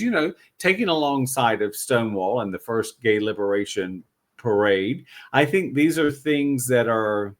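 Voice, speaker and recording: Older-ish guy hosting an interview, casual and reflective, voice goes way up and down. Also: medium pitch. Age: middle-aged or older.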